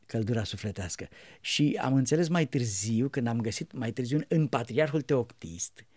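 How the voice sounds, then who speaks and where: A man's voice: mid-range voice, darkish tone, no echo. A man, an Orthodox priest, earnestly telling his life story with rambling restarts.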